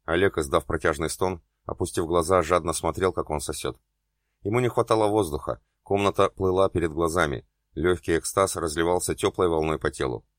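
A man reading an erotic novel aloud as an audiobook narrator, in a steady, even way. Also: sits low, fairly quick, no room sound, studio quality.

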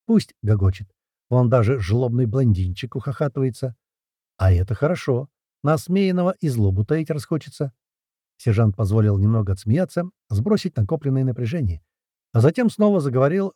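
A man narrating a first-person fantasy audiobook in an expressive, lively storytelling manner. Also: medium pitch, a little fast, slightly rough, dry recording, studio quality.

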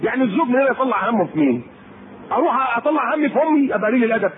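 Egyptian male preacher, playful and animated, on a thin phone-like lecture recording. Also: very high-pitched, rapid-fire, crowd noise. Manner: lively, teasing, acts out quoted people. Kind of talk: colloquial sermon to women. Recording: tinny phone-like lecture tape with faint hiss.

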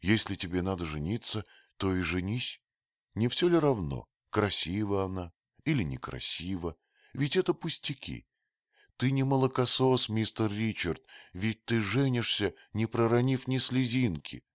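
A man voicing a timid, gentle youth with a high, soft boyish voice in a read-aloud story. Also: lively intonation, a little slow, no echo, studio quality. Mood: pleading. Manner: pleading, teasing.

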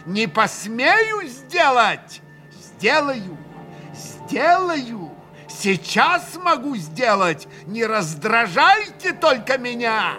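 A man's voice: extremely high pitch, very animated, extremely slow, sharp tone, faint music behind, pitched above the performer's own voice, full character voice. A man voicing a frenzied, tearful young woman. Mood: anguished frenzy. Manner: hysterical outbursts, bitter and sobbing.

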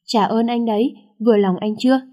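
A feisty young woman complains indignantly, as a woman narrator reads her. The voice is mellow and unforced. It stays plain and storybook-like. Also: a little high, steady tone, brisk, close to an everyday voice. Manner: indignant, reproachful.

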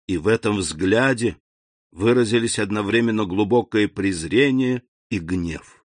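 A man narrating a classic novel as an audiobook in a measured, even manner. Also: on the low side, no echo, clean studio sound. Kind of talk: audiobook reading.

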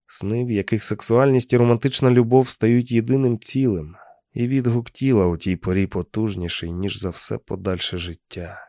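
A man reading an audiobook in a calm, measured, low-key way. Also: dry recording, studio quality. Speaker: audiobook narrator. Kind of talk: audiobook narration.

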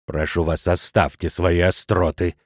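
A man's voice: low-pitched, normal speed, darkish tone, no room sound, clean studio sound, pitched below the performer's own voice. A man playing a cold, prickly school director. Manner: cold, stiff and offended.

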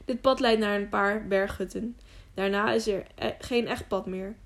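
A man's voice: high voice, steady tone, moderate pace, gravelly, a bit bright. A woman reading the part of a cheerful, tireless young mountain guide in a storybook audiobook, with an easygoing, upbeat manner.

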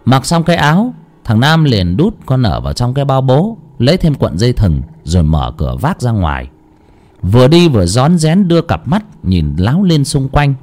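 Expressive male ghost-story narrator. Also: mid-range voice, moderate pace.

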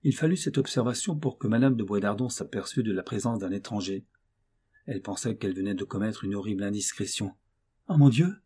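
Husky-voiced male audiobook narrator. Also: fairly low pitch, fast talker. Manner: steady, expressive literary reading.

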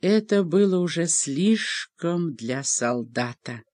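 Expressive female audiobook narrator, animated delivery, dry booth sound. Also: fairly low pitch, slow, dry recording. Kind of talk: scripted narration.

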